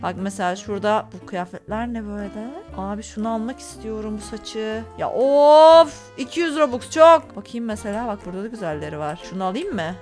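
A woman's voice: medium pitch, brisk, hardly any pauses, soft background music. A young woman hosting a gaming channel, giving casual play-by-play commentary with dramatic, exasperated complaints.

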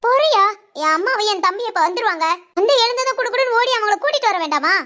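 Two sentences: a very high-voiced young wife, squabbling with her husband and playing up every grievance. It is a Tamil family cartoon, with the role taken on by a woman doing the voice. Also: lively intonation, quick pace, pushed and bright, heavily acted. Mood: scolding. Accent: Tamil Nadu Tamil. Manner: bickering, dramatic. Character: sharp-tongued young wife, theatrical complainer. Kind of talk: cartoon voice acting.

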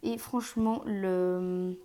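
Streamer woman, mellow tone, halting live game commentary on earphone mic, fillers and odd whispered asides. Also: fairly low pitch, steady tone. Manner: hesitant, many fillers, drops to whispers at times.

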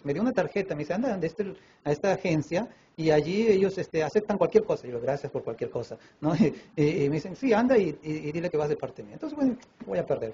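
A man from Peru with a Peruvian Spanish accent, a preacher telling a personal testimony in a sermon and acting out the dialogue. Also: on the high side. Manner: animated storyteller who acts out dialogue voices, with many fillers. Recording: dull lo-fi recording with faint room noise.

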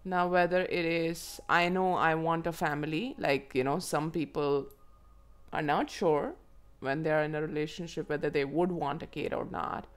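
A woman with a hoarse, froggy voice from a cold, reading tarot to viewers in an unhurried, musing way and asking herself questions aloud. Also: deep voice, steady tone. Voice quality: froggy, croaky throat. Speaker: tarot reader and channel host. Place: indoors at a table.

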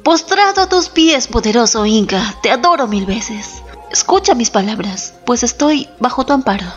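A woman voicing a proud, victorious male Inca general who speaks harshly and boastfully, with soft music behind. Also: a little high, animated, normal speed, lightly acted. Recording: slightly dull, soft background music.

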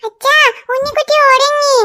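Cartoon big sister, small girl, very high and bright childlike voice, earnest and soothing. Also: flat delivery, normal speed, heavily acted. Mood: hopeful. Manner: earnest, soothing toward her baby brother. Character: little girl, caring older sister. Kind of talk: cartoon voice acting.

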